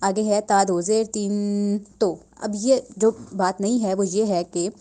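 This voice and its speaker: A young woman leads a slow tajweed lesson, with a soft, mellow voice. She repeats each sound patiently and stretches words out to show how they are said. Her pitch sits at an ordinary middle height. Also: steady tone. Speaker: Quran recitation teacher.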